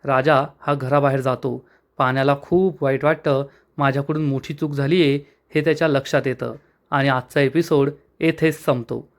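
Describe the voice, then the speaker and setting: A man narrating a recap of a television serial episode in a steady storytelling read. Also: medium pitch, moderate pace.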